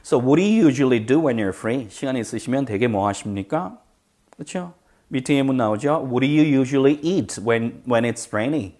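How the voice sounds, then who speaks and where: A man's voice: mid-range voice, lively intonation, a little mellow. Man teaching English phrases. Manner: drills English phrases slowly, explains quickly in Korean. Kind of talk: language lesson.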